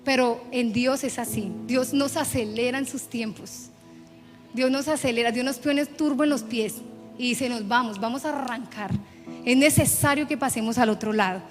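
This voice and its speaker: High-voiced woman preaching in a reverberant church. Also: normal speed. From Colombia. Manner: emphatic preaching with personal testimony. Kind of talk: sermon. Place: church sanctuary. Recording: church hall reverb with faint music.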